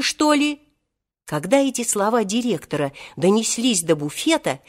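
A woman narrating a children's tale as an expressive, lively audiobook reader. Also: mid-range voice.

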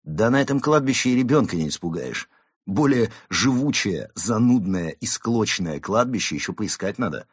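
A sharp-tongued cat from a storybook mocks and scolds in a raised, husky voice, as a man puts him on. The delivery is firm and loud. The sound is dry and close. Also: lowish voice, expressive, normal speed, no room sound, pitched above the performer's own voice. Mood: scornful. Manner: mocking and scornful. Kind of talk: audiobook character reading.

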